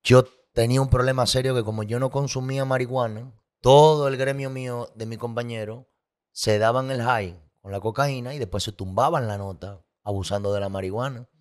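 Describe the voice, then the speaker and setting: A man's voice: medium pitch, fairly even intonation, fairly quick, a little mellow. A man telling his personal story as a guest, candid and emotional, with vivid sound effects and repetition.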